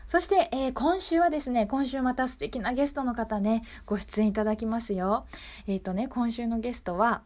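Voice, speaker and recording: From a radio studio, a local show host speaks fairly quickly in a fairly high voice with a darkish tone. She addresses her audience politely and conversationally, often seeking their agreement.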